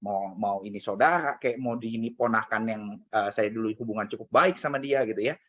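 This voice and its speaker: A man's voice: fairly low pitch, fairly quick, a bit bright. A man giving a casual motivational talk to colleagues, telling a personal story with lots of conversational fillers. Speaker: motivational speaker. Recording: dull lo-fi recording.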